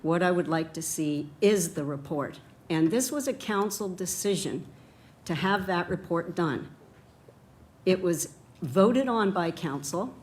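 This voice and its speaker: A woman town councillor arguing her point firmly and insistently in a council meeting. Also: lowish voice. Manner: firm, insistent.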